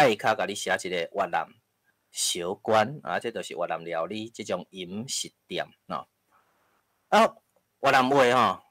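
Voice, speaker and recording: A man with a Taiwanese accent gives a patient lecture, checking in with his listeners after nearly every phrase. His voice sits very low, and the sound is close and dry, with no room echo. Now and then he coughs or clears his throat. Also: fairly bright tone. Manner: explains step by step with frequent tag particles. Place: lecture hall with live audience.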